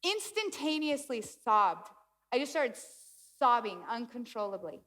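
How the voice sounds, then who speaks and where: A woman giving a sermon in a church, telling a personal story in an animated, self-deprecating way. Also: fairly high pitch, a little slow, big-room sound. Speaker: guest speaker. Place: church sanctuary.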